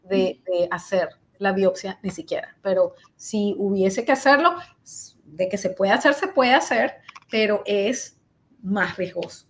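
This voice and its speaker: A woman's voice: medium pitch, measured pace. A woman hepatologist answering questions in a webinar, thinking aloud with many fillers and restarts. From Venezuela. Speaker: invited speaker, hepatologist. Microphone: video call.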